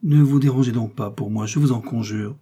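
A man's voice: medium pitch, fairly quick, warm tone, breathy edge, lightly acted. A man reading aloud and voicing a scheming young woman prisoner who pleads with feigned, tearful piety. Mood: tearful pleading. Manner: pleading, tearful, falsely sweet.

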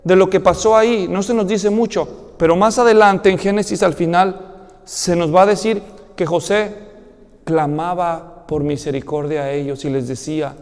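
A male pastor with a Mexican accent delivers a sermon in a high, ringing voice. He tells the story vividly and slips into the voices of its characters. The sound carries a long reverb, as in a large hall. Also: normal speed, clean tone. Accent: Mexican Spanish. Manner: animated storytelling, acting out voices.

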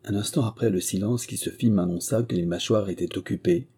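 A male audiobook narrator with a deep, dark, husky voice. He tells the story in a measured, literary way, with his pitch sitting on the low side. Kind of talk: scripted narration.

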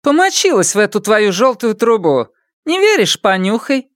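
A man's voice: high-pitched, sing-song, normal speed, a bit bright, no echo, studio quality, voice pushed up. A brazen, mocking young village woman, as a male reader puts her on. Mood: scornful. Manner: taunting and coaxing.

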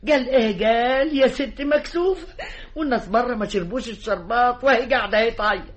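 A woman's voice: a little high, quick pace, lightly acted. An actress playing an anxious, scolding village mother with an Egyptian accent in a radio drama. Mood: fussing. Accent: Egyptian Arabic.

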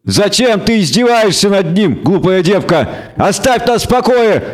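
A nervous male bard in a fantasy audiobook cries out in high-strung indignation. His voice sits high and strained; a male narrator plays him. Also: sing-song, measured pace. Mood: indignant alarm. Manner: nervous shouting.

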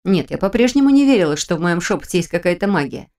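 A woman narrating a first-person fantasy audiobook with a slightly low voice. Her reading is measured and expressive.

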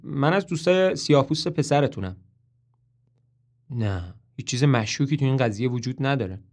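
A man's voice: mid-range voice, animated, darkish tone, close to an everyday voice. A man voicing a nervous young man who keeps stammering and over-explaining on the phone, in a dramatic play reading. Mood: flustered.

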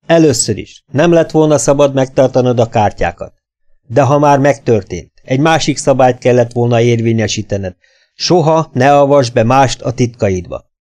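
A man voicing a stern adult male instructor at a boys' boarding school, barking harsh orders loudly in a raised voice. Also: medium pitch, natural voice. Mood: stern shouting. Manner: barks orders, harsh and commanding.

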